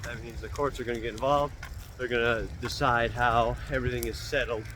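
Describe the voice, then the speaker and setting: A man's voice: mid-range voice, steady tone, brisk, sharp tone. A man talking casually and explaining things to viewers while out walking, in the manner of a real estate agent's vlog. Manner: conversational, explanatory, speaking while out on a walk. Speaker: real estate agent hosting a weekly video. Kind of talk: casual informal talk to camera while walking. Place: outdoors on a walk. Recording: outdoor street noise with passing cars. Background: cars and outdoor ambience.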